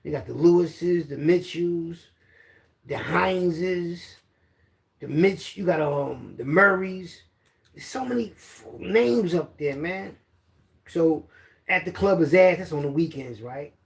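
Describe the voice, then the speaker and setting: Slow and creaky, with a voice on the high side, a middle-aged man with a Philadelphia accent tells rambling, casual street stories as a guest storyteller, peppering them with slang.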